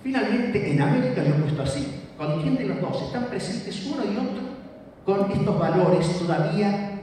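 A man's voice: high-pitched, expressive, normal speed, dark tone, slight background noise. Man, university-style lecture, faint room ambience, very echoey. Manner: didactic, checks in with listeners. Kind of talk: academic lecture. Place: lecture hall. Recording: echoey hall from far off.

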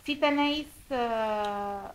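At a kitchen table in her home, an Italian woman hosts a cooking video and walks through a recipe step by step in Spanish, her second language. Her voice is on the high side, with an Italian accent, and her delivery is careful and slightly halting.

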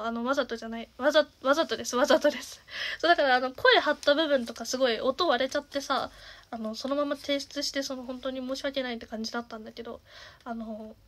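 With a high, naturally nasal voice, this young woman in her twenties talks casually as a singer and streamer. She leans on fillers a lot and sometimes slips into a soft half-whisper.

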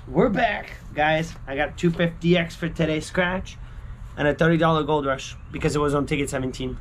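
A man's voice: a little high, steady tone, fairly quick, slight background noise. A man in his thirties chatting casually to viewers as a vlog host, slangy and fond of repeating short catchphrases, recorded outdoors by a backyard pool. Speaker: scratch-ticket video host. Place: outdoors, backyard pool and screened poolside patio.

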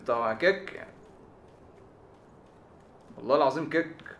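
A man with an Egyptian Arabic accent giving excitable live game commentary, with shouted exclamations and stammered repeats. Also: fairly high pitch, moderate pace, echoey room, slight background noise. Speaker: gaming video host.

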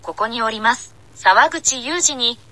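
A woman making an election loudspeaker announcement, addressing passers-by deliberately, phrase by phrase. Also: on the high side, low-quality recording. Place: outdoor paved city plaza.

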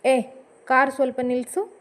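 A woman's voice: high-pitched, fairly even intonation, moderate pace, voice pushed up, close to an everyday voice. A woman voicing an impatient husband who gives stern, bossy driving lessons and raises his voice.

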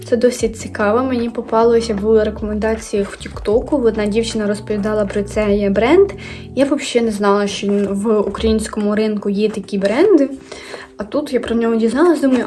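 Bright-pitched young woman with mellow tone. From Ukraine. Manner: chatty, self-correcting, drops to quiet asides. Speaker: beauty vlogger. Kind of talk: casual product unboxing chat.

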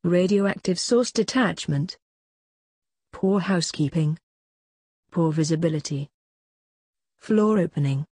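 A husky voice of middle pitch reads safety points one short phrase after another. It stays even and list-like, and the recording is close and dry, with no room sound. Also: dry recording. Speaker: safety instructor. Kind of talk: reading slide bullet points aloud.

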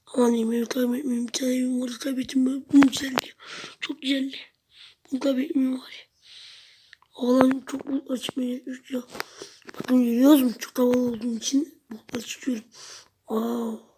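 A woman casually commenting on her own game to viewers, chatting to herself and sometimes breaking into loud outbursts. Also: sits high, flat delivery, brisk, pauses often, a little hiss or hum. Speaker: gameplay video host.

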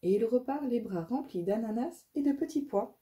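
A woman reading a children's audiobook, lively and expressive. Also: a little high, moderate pace, slight background noise. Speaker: storyteller.

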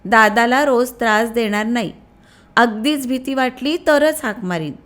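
A woman voicing an eager, trusting little boy in a storybook tale, with high, childlike questions. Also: unhurried, natural voice.

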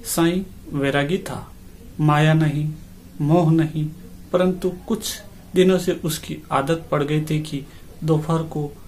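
A man narrating a classic short story in a measured, steady reading voice. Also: fairly high pitch. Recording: faint background noise.

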